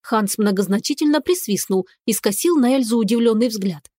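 A woman reading a fantasy novel in the first person with expressive, lively storytelling. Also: a little high, a little fast, dry recording, studio quality. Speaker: audiobook narrator. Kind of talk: scripted first-person narration.

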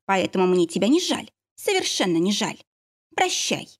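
A woman's voice: mid-range voice, big pitch swings, normal speed. A woman voicing a cruel, scornful young she-wolf who sneers and hisses with contempt, in an audiobook reading. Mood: hateful.

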